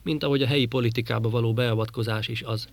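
A man voicing a gruff, grumbling male space trader in an audiobook reading. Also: mid-range voice, fairly even intonation, close to an everyday voice. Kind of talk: audiobook character voice.

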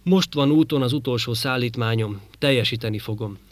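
A man's voice: mid-range voice, no room sound, close to an everyday voice. A man voicing an easygoing, curious young male trader in an audiobook reading. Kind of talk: audiobook character voice.

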